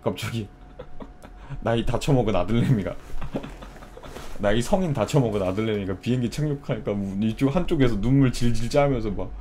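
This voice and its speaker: A man's voice: medium pitch, normal speed, warm tone, a little hiss or hum. A young man streaming, chatting casually and telling a story with acted-out quotes. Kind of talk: casual live-stream chat.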